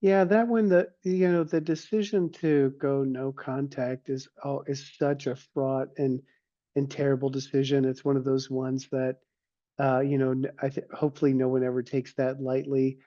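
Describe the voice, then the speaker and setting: A man appearing as a guest therapist, speaking thoughtfully with pauses and small restarts. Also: medium pitch, little pitch movement, warm tone, highs cut off. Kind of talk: casual interview chat.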